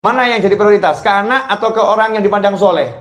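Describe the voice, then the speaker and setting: A man preaching a sermon to a live audience, playfully quizzing the mothers and mimicking them in high squealing voices. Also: fast talker, reverberant. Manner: playful, teasing the audience with questions.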